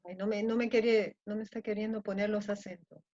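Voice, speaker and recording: A woman's voice: medium pitch, steady tone, fairly quick, dark tone. Mexican woman teaching French, lo-fi. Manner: explains in Spanish, checks understanding often. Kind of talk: online class lecture. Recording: muffled lo-fi audio.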